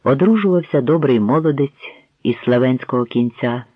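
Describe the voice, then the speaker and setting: A man narrating a historical tale in measured storytelling fashion, as an audiobook reader, on a tinny, dry recording. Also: mid-range voice, dry recording. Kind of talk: scripted narration. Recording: tinny phone-like dry sound.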